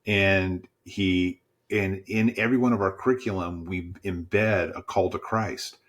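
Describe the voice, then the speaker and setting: A man, a church small-group pastor, telling stories as a podcast guest in a lively, encouraging preacher's manner and acting out the dialogue. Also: unhurried. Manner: lively storyteller who acts out dialogue with sudden pitch jumps. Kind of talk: storytelling in a podcast conversation.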